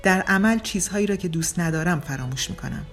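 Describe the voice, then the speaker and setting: A carefree young man who takes life lightly and teases himself, as a woman narrator voices him. He sounds lifted and playful beside the low narration. Faint music plays behind the story. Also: close to an everyday voice. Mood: breezy joking. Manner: breezy, joking, self-mocking. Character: cheeky young male ex-surfer, easygoing and flippant. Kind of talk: audiobook character reading.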